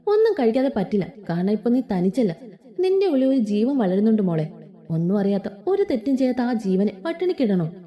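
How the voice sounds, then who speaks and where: A woman reading the lines of a protective young friend who gently coaxes and sometimes scolds. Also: on the high side, very animated, a little fast. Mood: coaxing.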